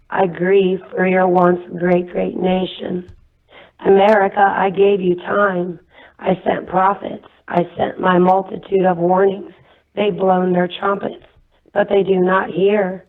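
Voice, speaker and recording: Hoarse woman caller on a tinny phone. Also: medium pitch, little pitch movement. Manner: earnest, measured reading. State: hoarse, losing her voice. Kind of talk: delivering a prophetic message. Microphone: phone call.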